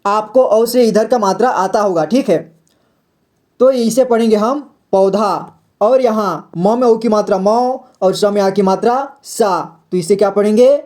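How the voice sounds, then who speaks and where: Patient teacher sounding out syllables slow, keeps checking in, mellow dark voice. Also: mid-range voice. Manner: patient, repeats each syllable, asks and answers own questions; frequent "theek hai" check-ins. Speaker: Hindi reading teacher. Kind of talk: step-by-step phonics lesson.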